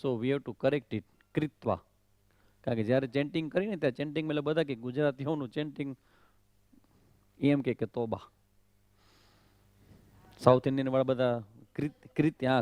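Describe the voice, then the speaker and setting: A man's voice: fairly high pitch, darkish tone, no room sound, clean studio sound. A swami teaching correct Sanskrit pronunciation of the Gita, drilling syllables over and over, questioning his students and slipping in English phrases. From Kutch, Gujarat.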